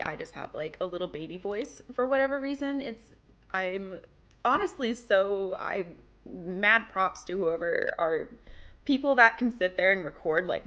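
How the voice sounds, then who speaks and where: This young game build creator has a lowish, slightly bright voice that sounds a little worn out. Using a desk microphone with dull audio, she walks through her build in a chatty, rambling way, often putting herself down.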